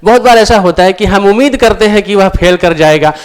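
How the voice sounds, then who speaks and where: A man teaching Hindi grammar for exam preparation. He calls his viewers friends, repeats each answer for emphasis and reads example sentences aloud slowly. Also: high-pitched, smooth. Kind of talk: exam-prep lesson explaining answers. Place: screen-recorded lesson with on-screen board.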